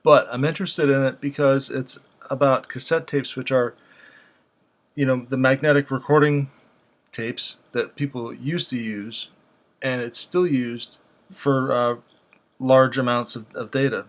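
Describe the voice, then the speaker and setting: There's hardly any rise or fall in this man's pitch as he casually goes over examples, his voice flat and even. The video host speaks without a script, haltingly, like he's musing while browsing.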